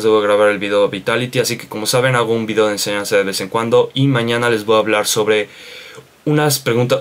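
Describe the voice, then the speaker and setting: Chatty young man vlogging to camera. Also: fairly low pitch. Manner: rambling, chatty, many fillers and asides. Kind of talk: casual vlog talk to camera.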